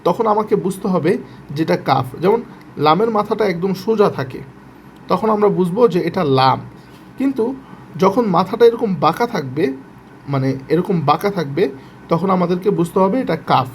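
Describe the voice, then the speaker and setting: A man teaching Quran reading in a Bangladeshi Bengali accent, patiently spelling out letters and repeating each syllable slowly. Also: high voice, animated, a little hiss or hum. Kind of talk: step-by-step reading lesson.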